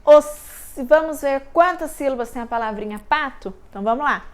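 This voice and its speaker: A woman teacher recaps a lesson for small children, speaking slowly in a sing-song voice that sits high and spelling words out syllable by syllable.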